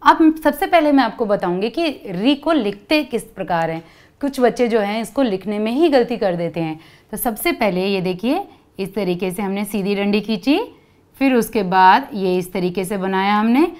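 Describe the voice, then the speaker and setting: A woman's voice: mid-range voice, animated, moderate pace, darkish tone. A woman teaching young children, patiently explaining each step and asking them to repeat sounds after her. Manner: call-and-response, asks kids to repeat. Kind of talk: children's lesson.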